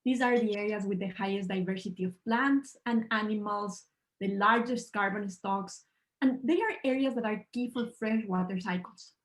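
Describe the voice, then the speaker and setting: An earnest woman from Ecuador presents as a panel speaker in an online presentation, heard over a video call. Her voice is medium in pitch, and the recording is rough. She speaks in a measured way with slightly non-native phrasing.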